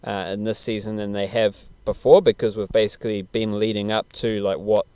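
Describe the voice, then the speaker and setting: A man's voice: fairly low pitch, fairly even intonation, fairly quick, a little mellow, clear, resonant tone, dry recording. A man chatting casually as a podcast host, laid-back, slangy and rambling. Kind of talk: casual podcast chat about television.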